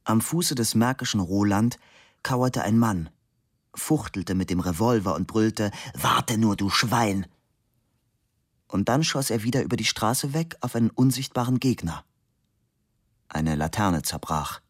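A man narrating a novel in a measured, steady audiobook reading. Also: lowish voice, no echo, studio quality. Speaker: audiobook reader. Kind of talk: scripted literary narration.

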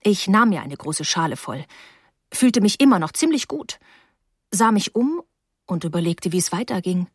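A woman reading a first-person novel aloud in a steady, expressive storytelling manner. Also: lowish voice, normal speed, slightly rough, no echo, clean studio sound. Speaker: audiobook narrator.

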